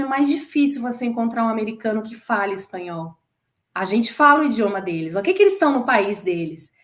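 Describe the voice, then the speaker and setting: Lively Brazilian woman in her forties. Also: on the high side. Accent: Brazilian Portuguese. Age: 40s. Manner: lively storyteller who acts out quoted voices. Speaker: former flight attendant telling her story. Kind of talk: casual chat interview.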